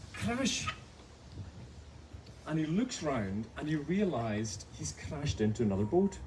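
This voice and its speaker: A man's voice: mid-range voice, darkish tone, slight background noise. Chuckling Hebridean Scottish man storyteller. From Outer Hebrides, Scotland. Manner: anecdotal, chuckling, self-mocking. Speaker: author guest at a book event. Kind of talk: storytelling on stage. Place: bookshop event with audience. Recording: distant mic, live audience.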